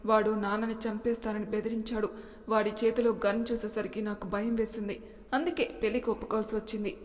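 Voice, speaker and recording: A woman's voice: mid-range voice, flat delivery, quick pace, lightly acted. Tearful pleading young woman, read by the narrator, echoey. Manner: pleading, crying. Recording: long reverb.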